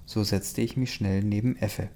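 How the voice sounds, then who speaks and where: A man reading a first-person story aloud in a steady, plain way. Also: on the low side, moderate pace. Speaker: audiobook reader.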